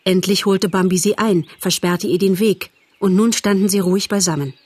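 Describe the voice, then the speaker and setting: A woman narrating a storybook audiobook in a measured, expressive storytelling voice. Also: medium pitch, husky, dry recording.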